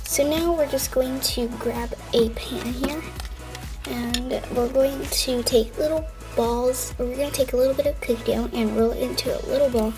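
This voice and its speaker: A woman voicing a cheerful female pink lamb toy hosting a cooking show, chatty and walking through each step with soft asides. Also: a little high, lightly acted, rough recording. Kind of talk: toy stop-motion cooking show voice-over.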